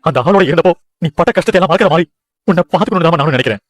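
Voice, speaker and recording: A man's voice: on the high side, racing, close to an everyday voice. An actor playing a discouraged young man who tells his mother about chasing his film dreams, earnest and downcast. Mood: dejected. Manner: dejected, earnest, pleading. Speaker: son, aspiring film director. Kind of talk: TV serial acting.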